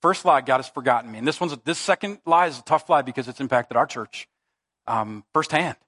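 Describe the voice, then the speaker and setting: A man's voice: fairly high pitch, animated, normal speed, pushed and bright. A middle-aged man preaching a sermon as pastor, in an emphatic, conversational way, in a church. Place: church sanctuary.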